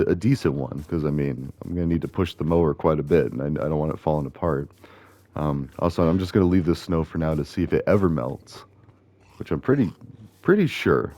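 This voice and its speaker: A gaming video host rambles casually while playing a video game, chatty and meandering and often correcting himself. His voice is deep, gravelly, and mellow.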